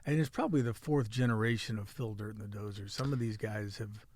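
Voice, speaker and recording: A man's voice: fairly low pitch, brisk, darkish tone, dry recording. A middle-aged man with a Midwestern American accent, hosting a podcast with joking, rambling casual chat and a local news rundown. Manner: joking, chatty, rambling with restarts. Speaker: podcast host and city editor.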